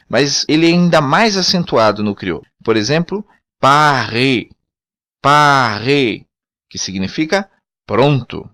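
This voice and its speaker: A man's voice: fairly high pitch, a bit bright, no echo. A man with a Brazilian Portuguese accent teaching a pronunciation lesson, saying each example word twice and then giving its meaning. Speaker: language teacher.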